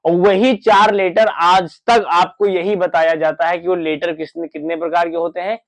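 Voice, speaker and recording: A man's voice: high voice, little pitch movement, moderate pace, no room sound. Man teaching grammar, fond of rhetorical questions. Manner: repetitive rhetorical questions, answers himself; says "thik hai" often. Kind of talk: classroom explanation.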